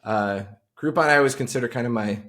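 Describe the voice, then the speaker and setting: A man's voice: medium pitch, quick pace, fairly bright tone. A man in his forties from Long Island, talking as a podcast guest over a video call, rambling with many fillers and restarts. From Long Island, New York. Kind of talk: casual interview chat.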